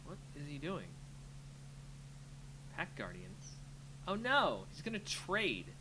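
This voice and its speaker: A man streams a card game with live commentary, thinking out loud in a casual, reactive mutter. His voice is a little high, swings hugely in pitch, and moves slowly, with clear background noise and a hum behind him.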